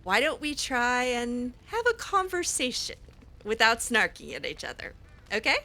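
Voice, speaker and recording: A woman hosting a roleplay game on her channel answers the characters with sarcastic, hesitant remarks and bursts of laughter. Her voice is on the high side, sing-song and sharp, at a normal speed.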